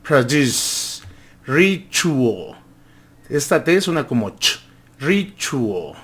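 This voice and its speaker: A man's voice: medium pitch, very animated, fairly bright tone, husky. A man teaching English pronunciation, repeating each word several times and growling long R sounds to show how they are made. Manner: growls drawn-out R sounds to demonstrate. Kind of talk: language lesson.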